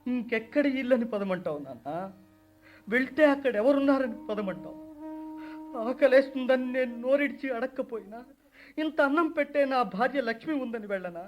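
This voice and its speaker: A man's voice: very high voice, animated, a little fast, echoey room, highs cut off, soft background music. A man playing a vengeful grieving father. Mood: vengeful grief. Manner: impassioned, accusing outbursts. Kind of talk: radio drama acting.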